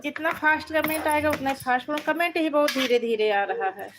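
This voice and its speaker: A woman's voice: sits high, a little fast, noisy background. A woman hosting a live stream, reading viewers' comments aloud and greeting and thanking each one by turn. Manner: friendly, repeats greetings and thanks. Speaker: livestream host.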